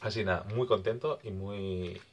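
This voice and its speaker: A man with an accent from Spain, chatting excitably and swearing casually as he shows off his video game finds. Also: low-pitched, normal speed. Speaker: video game collector vlogger. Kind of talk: casual vlog chat.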